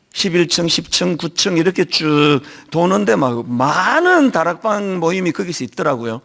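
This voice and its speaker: A middle-aged man preaching a sermon as senior pastor, telling stories in an animated way with a touch of a lingering cold. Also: sits high. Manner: animated storytelling, acting out quoted voices. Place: church.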